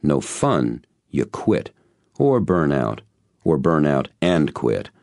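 A man with an extremely deep, gravelly voice narrates a first-person audiobook. His delivery is expressive, with lively pitch movement. The recording is dry and close, with faint music underneath. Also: takes it slowly, no echo. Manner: storytelling, expressive.

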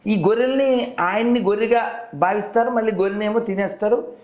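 The host here has a high voice that is a touch fast and a little mellow. He debates in a chatty way on the phone, persistently probing with leading questions, and the recording is roomy and echoey.

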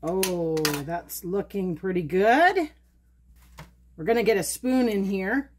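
Her medium-pitched, slightly mellow voice moves slowly, with a little hiss or hum in the audio. She's a homesteading channel host filming a cooking video at home, upbeat and casual, musing aloud while she works.

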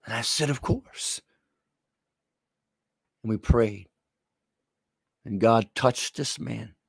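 A man's voice: mid-range voice, slow pace, vocal fry, slightly rough, no room sound, clean studio sound. A man preaching a televised sermon, speaking straight to the viewer in an earnest, pleading way.

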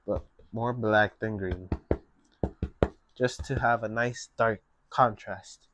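A young man giving a relaxed, step-by-step painting lesson at his easel. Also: lowish voice, slight background noise. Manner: slow, relaxed step-by-step instruction. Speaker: painting instructor. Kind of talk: painting tutorial.

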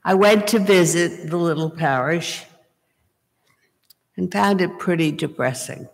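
A woman's voice: fairly low pitch, gravelly. Older woman preaching in a reverberant church. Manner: storytelling, deliberate. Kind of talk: sermon. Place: small church, indoors, at a pulpit. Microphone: gooseneck pulpit mic. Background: reverberant church hall.

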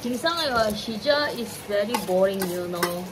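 Talking extremely slowly but animatedly, this vlogger in her twenties addresses her phone camera from a small kitchen at home. Her pitch is medium, she mixes languages and drops the occasional swear word, and background noise and music play throughout the casual chat.

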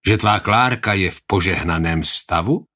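A man reading an audiobook, voicing a male nobleman who speaks in a measured, reproachful way. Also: sits low, bright, forceful tone.

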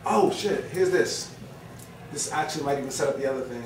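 Profane New Jersey poet bantering live. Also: male voice, a little high, brisk, far from the mic, a little hiss or hum. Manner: loose, joking banter with the crowd, profane. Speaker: spoken word poet. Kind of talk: live spoken word performance. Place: small brick-walled bar lounge, indoors. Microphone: stand mic, recorded by a far camera. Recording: roomy live bar sound from afar. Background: audience ambience and laughter.

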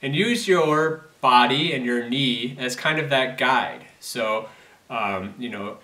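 A man in his thirties speaks as a physical therapist, giving steady, earnest advice full of fillers and small restarts. His voice is bright and forward. The sound is roomy and a little distant from the mic. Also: medium pitch. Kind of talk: educational talk to camera. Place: indoor studio against plain grey backdrop.

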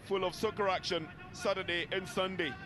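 Male football commentator, Kenyan accent, high register, measured descriptive delivery. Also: steady tone, background noise. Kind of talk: live sports commentary.

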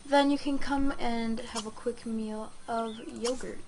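A woman's voice: on the high side, steady tone, a little slow, a little mellow. A woman with a sore throat giving casual let's play commentary, rambling hesitantly as if talking to herself. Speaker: gaming host. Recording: clearly noisy home recording.

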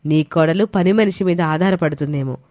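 A woman's voice: low voice, normal speed, a little mellow, no echo, lightly acted. Snobbish, sarcastic rich sister in a cartoon story, voiced by a woman, dry close sound. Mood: taunting. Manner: taunting, sarcastic. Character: proud rich middle-aged woman, the sharp-tongued younger sister.

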